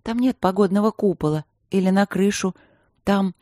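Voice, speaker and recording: A woman's voice: medium pitch, normal speed, warm tone, no echo, studio quality, pitched above the performer's own voice, lightly acted. A woman voicing a shy young woman who speaks hesitantly. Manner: hesitant, timid.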